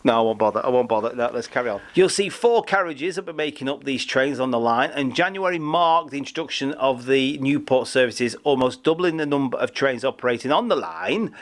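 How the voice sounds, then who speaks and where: A man's voice: fairly high pitch, a bit bright. Chatty male rail news host. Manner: chatty, self-deprecating asides. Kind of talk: casual rail news presenting.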